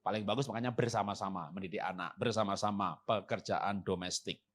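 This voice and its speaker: A man preaching a church seminar sermon with humor. He acts out quoted husbands and wives and moves from loud emphasis to soft, calm passages. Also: on the low side, brisk. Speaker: guest preacher. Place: church service.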